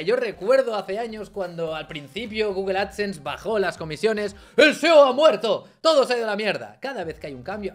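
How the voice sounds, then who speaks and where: High, lively man in his thirties; dramatic vlog explainer who swears and swings from yelling to muttering; faint music under him. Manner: theatrical, swears freely, big swings between shouting and mumbling. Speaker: online marketing youtuber.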